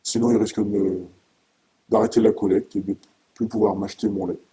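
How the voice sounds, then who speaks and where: A middle-aged French man, a farmer giving halting interview testimony, his voice disguised by deep pitch-shifting. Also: level tone, dark tone, poor audio. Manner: halting, with repeated words and long hesitations.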